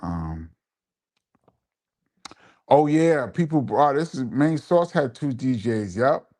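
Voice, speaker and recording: A very animated DJ with a mid-range voice talks slowly on his live stream, reading out viewer comments and reminiscing. He hands out shout-outs and says phrases twice for emphasis, keeping it casual.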